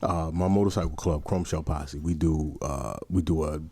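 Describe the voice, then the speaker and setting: A man's voice: a bass voice, fairly even intonation, moderate pace, mellow, slightly rough. A man hosting a podcast, laid-back and conversational, keeping the talk moving with short responses. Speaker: podcast host. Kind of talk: casual podcast chat.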